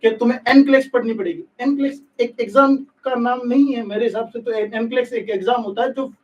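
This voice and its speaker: A man's voice: very high voice, recorded from a distance, highs cut off. A man teaching a live online class for nursing exams, speaking bluntly and scolding his students. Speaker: nursing exam coaching teacher. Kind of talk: live-stream lecture, candid rant.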